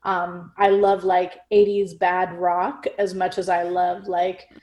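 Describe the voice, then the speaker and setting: A woman's voice: lowish voice, little pitch movement, slow, darkish tone, slight background noise. A woman talking casually as an interview guest, chatty and full of fillers. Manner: chatty, fillers like "like" and "you know". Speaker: music marketing guest.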